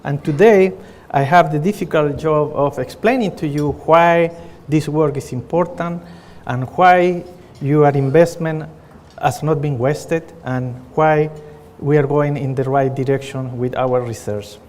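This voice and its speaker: A middle-aged man with a Chilean Spanish accent presents his research at a conference, speaking earnestly and often pausing on fillers. His voice sits a little high for a man. A long reverb trails his words around the conference hall. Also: darkish tone. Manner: earnest, with frequent fillers and restarts.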